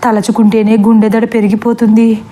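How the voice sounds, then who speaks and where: A woman's voice: on the high side, little pitch movement, brisk, warm tone, natural voice. A woman voicing an anxious middle-aged mother in a storybook reading, pleading and alarmed.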